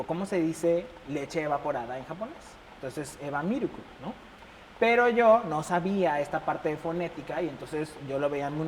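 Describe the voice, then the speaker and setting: Animated Mexican man in reverberant room. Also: a little high. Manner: animated, acts out quoted dialogue, laughs often. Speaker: embassy chef, interview guest. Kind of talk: casual interview storytelling. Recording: reverberant room with faint noise.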